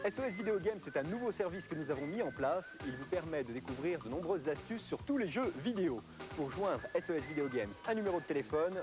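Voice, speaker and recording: High-voiced French man presenting, over music. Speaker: TV video game show presenter. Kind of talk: scripted presenting and announcements. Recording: music under the voice. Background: prominent music.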